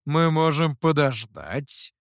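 A sly master, put on by an audiobook reader teases in a calm, amused voice. The intonation moves a lot. The sound is dry and close. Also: male voice, fairly high pitch, slow pace, no echo, heavily acted. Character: sly, smug, teasing master.

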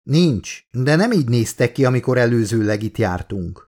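A man's voice: mid-range voice, big pitch swings, a little mellow, lightly acted. A man voicing a frightened, determined woman scientist in an audiobook, urgent and pleading. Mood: alarmed.

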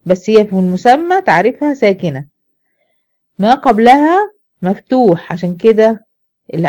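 A woman's voice: mid-range voice, dark tone, highs cut off. Egyptian woman teaching a class. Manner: explains step by step, asks the class questions and answers them herself. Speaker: Quran recitation teacher. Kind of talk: classroom lesson.

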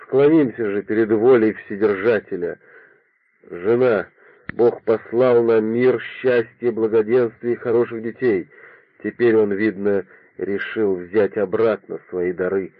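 A dignified old nobleman speaks with solemn restraint, his voice low and heavy, as a man reads him. The sound is narrow like a phone line. It is dry and close. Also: fairly even intonation, a little slow, no echo. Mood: solemn grief. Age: older. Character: stoic grieving old nobleman, dignified father.

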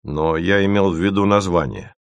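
A cautious, shy boy who weighs every word, voiced by a man. The voice stays close to the reader's own low tone. Dry and close. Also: lively intonation, creaky, clean tone, dry recording. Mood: measured. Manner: careful, measured.

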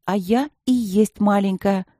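A woman's voice: mid-range voice, measured pace, dark tone, no echo, studio quality, pitched above the performer's own voice, close to an everyday voice. A woman voicing a stubborn, sulky young female student in an audiobook, speaking in an indignant, pouting way.

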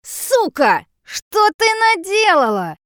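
A woman's voice: mid-range voice, expressive, a little slow, clear, resonant tone, no echo, lightly acted. Woman doing a creepy drunk middle-aged man, leering, pushy, dry close sound. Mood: yelling. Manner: leering, wheedling, then yelling. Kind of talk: audiobook character reading.

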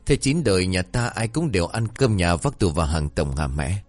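A man's voice: low-pitched, lively intonation, normal speed, soft background music. A man voicing a cheeky, spoiled teenage daughter who teases her mother in a folk tale. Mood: teasing. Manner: teasing, sassy.

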